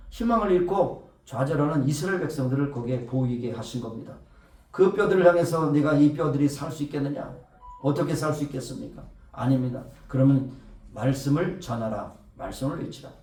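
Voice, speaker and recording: A man's voice: fairly high pitch, a little mellow, echoey room, far from the mic. A man preaching a Sunday sermon, swelling for emphasis and often putting rhetorical questions to the congregation. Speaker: pastor. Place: church sanctuary.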